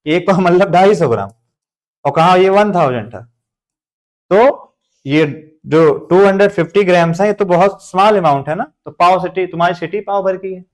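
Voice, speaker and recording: A man's voice: sits high, darkish tone. A man with an Indian accent teaching English grammar in a live online class, joking through memory tricks and reading out viewers' names. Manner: jokey mnemonic explanations, reads out viewer names; motivational.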